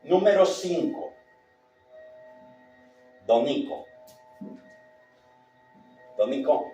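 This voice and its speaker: A man leads a training class for church readers at a slow, deliberate pace. His voice is dark and mellow but swings widely in pitch as he acts out different tones. The room around him is echoey. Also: expressive, dull audio, soft background music. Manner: demonstrates readings with shifting tone, slow and deliberate. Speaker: lector training instructor. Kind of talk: workshop lesson. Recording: roomy echo.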